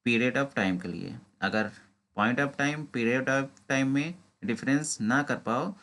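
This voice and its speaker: A man with an Indian accent teaching an exam prep lesson, reading English questions out slowly and explaining them in Hindi. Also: medium pitch, fairly bright tone.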